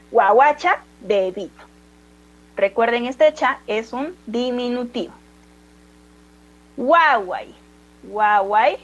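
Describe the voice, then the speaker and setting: Woman language teacher, unhurried and patient, dull lo-fi recording. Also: a little high. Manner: slow, patient, drawn-out repetition of words for students. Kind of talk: online language lesson.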